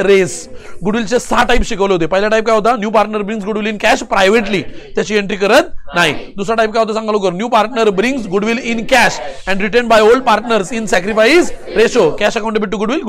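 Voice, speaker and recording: A man with a Marathi accent teaching an accounting lesson, firing quick questions, answering them himself, urging students to speak up, and reading problem text slowly. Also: high-pitched. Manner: urges students to answer loudly; switches between Marathi and English. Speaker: commerce teacher.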